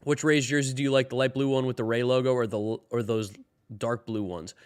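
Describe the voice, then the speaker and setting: A man's voice: mid-range voice, steady tone, fairly quick, clear, resonant tone. A man hosting a daily live sports stream, talking loosely and answering chat questions while sounding tired. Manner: loose and rambling, reads chat questions aloud. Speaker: host of a daily baseball stream.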